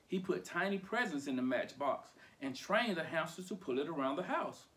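A man reading a children's picture book aloud for storytime, playful and animated. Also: fairly high pitch, normal speed.

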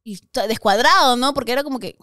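A young woman with a Peruvian accent tells a personal story in rapid, slightly high-pitched Spanish. She laughs often and slips into other people's voices as she tells it. The recording is close and dry, with no room sound. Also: dry recording. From Peru. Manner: animated, laughs often, acts out quoted voices. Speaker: podcast guest. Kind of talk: casual storytelling chat.

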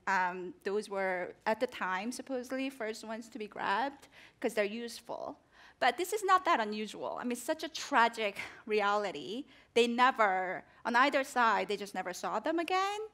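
A woman's voice: mid-range voice, lively intonation, measured pace, a bit bright. A South Korea-born woman in her forties, speaking earnestly in an onstage interview with fillers and restarts. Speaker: guest author. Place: large theater stage with audience. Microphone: headset mic.

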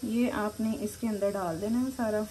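A woman's voice: mid-range voice, steady tone, moderate pace, warm tone, slight background noise, rough recording. A woman hosts a home-remedy tutorial in her kitchen. She talks in a chatty, instructive way into a handheld phone camera while she cooks at the stove. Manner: chatty, instructive, often says "okay" and "come on". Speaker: channel host giving home remedies. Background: frying and sizzling.

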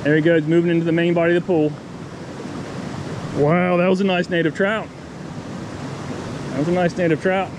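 A man vlogging while fly fishing by a mountain creek, talking casually to the camera and getting excited and repeating himself when a fish bites. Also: on the high side. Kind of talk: casual outdoor narration. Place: outdoors by a rushing mountain creek. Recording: outdoor recording with loud stream noise. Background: rushing stream water.

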